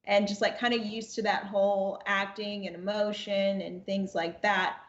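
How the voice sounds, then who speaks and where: This podcast guest is a twenties-aged woman and amateur voice actress, acting out quoted dialogue and repeating phrases while sharing a casual anecdote. She speaks at normal speed with a medium pitch and level tone, and the recording sounds roomy and lo-fi.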